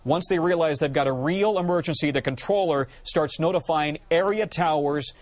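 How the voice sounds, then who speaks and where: A man with a slightly high voice delivers explanatory news commentary. He speaks as a presenter walking listeners through a report. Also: normal speed, no room sound.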